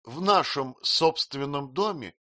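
A man's voice: unhurried, no echo, studio quality. A man voicing a timid tearful young wife. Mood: pleading. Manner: plaintive, pleading, high soft voice.

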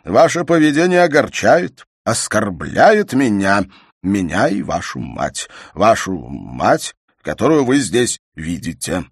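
A man voicing a pompous, indignant aristocratic father who lectures grandly and breaks into a shrill falsetto. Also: very animated, slow, slightly rough, no room sound, studio quality, heavily acted. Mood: pompous lecturing. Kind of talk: audiobook character reading.

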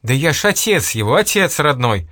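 A man's voice: medium pitch, big pitch swings, moderate pace, sharp tone, no echo, clean studio sound. A man reading aloud, voicing a desperate old peasant who begs, wails and then gloats. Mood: pleading. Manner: wailing, begging, then gloating.

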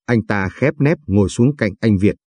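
Male storyteller, calm measured reading, dark mellow tone, husky. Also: lowish voice, dry recording. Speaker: narrator. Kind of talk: scripted story narration.

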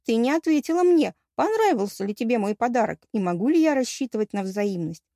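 A woman's voice: on the high side, big pitch swings, brisk, warm tone, dry recording, clean studio sound. A woman voicing a boastful, dim-witted male demigod hero who declaims his praise in a pompous, flustered way. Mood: pleading.

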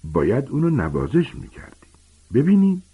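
A man voicing a huge, gentle, clumsy half-giant teacher, with loud, hearty, colloquial speech in a husky voice. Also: mid-range voice, huge pitch swings, narrow, tinny audio, voice pushed up, full character voice. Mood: disheartened.

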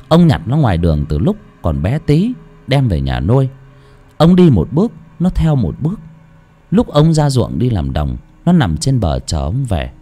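A man reading a story aloud as an audiobook narrator, in an expressive, dramatic way. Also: medium pitch.

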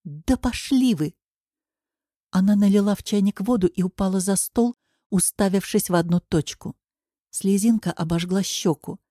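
A woman narrating an audiobook in a steady storytelling manner. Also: mid-range voice, moderate pace, no room sound, studio quality. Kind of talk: audiobook reading.

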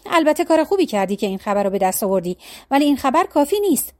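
A woman's voice: high voice, very animated, a little mellow, no room sound, clean studio sound. A woman voicing the commanding chief of a band of evil spirits in a folk tale. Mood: gloating.

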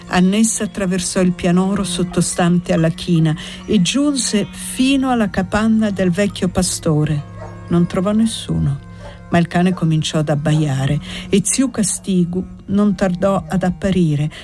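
A woman narrating a classic novel as an audiobook, reading in a measured, expressive way. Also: fairly low pitch, soft background music. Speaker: audiobook reader.

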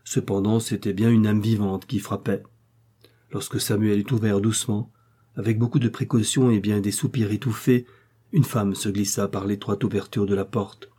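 A man reading a classic novel aloud as an audiobook narrator, in a measured, even way. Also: lowish voice, slightly rough. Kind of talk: scripted narration.

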